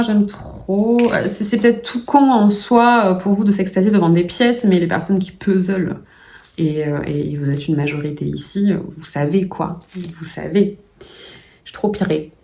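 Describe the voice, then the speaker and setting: A woman vlogging casually at home, gushing with excitement and often restarting with fillers. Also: medium pitch, moderate pace. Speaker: puzzle vlogger. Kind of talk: casual vlog chat.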